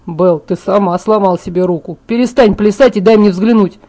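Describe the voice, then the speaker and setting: A woman reading an audiobook and voicing a cocky teenage boy who teases calmly and stays unbothered. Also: mid-range voice, moderate pace, natural voice. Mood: smug teasing. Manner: calm, smug teasing.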